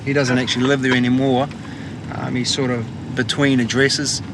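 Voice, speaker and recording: A man's voice: mid-range voice, level tone, normal speed. A male police officer with a New Zealand accent, giving an informal briefing on the job. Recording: noisy outdoor traffic.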